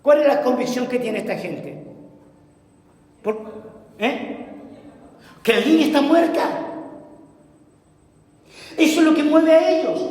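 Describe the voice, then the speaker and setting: A man preaching a sermon with dramatic emphasis, asking his congregation rhetorical questions. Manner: dramatic, emphatic delivery with pauses. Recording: booming echo of a large hall.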